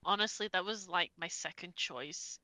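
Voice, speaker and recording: A woman co-hosting a casual podcast chat, animated and quick to laugh. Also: fairly low pitch, no room sound. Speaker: podcast co-host.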